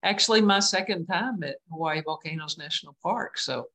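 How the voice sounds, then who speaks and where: A woman from West Texas with a West Texas twang, chatting as a guest on a video call in a halting, self-deprecating way. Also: on the low side, a bit bright. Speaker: guest artist, painter. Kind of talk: casual interview chat over video call.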